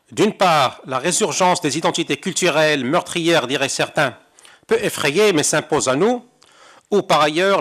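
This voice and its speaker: Slightly high and a bit bright, this man's voice belongs to an older conference interpreter from Morocco. He's reading a prepared seminar talk in a seminar hall and slips in wry, rhetorical asides.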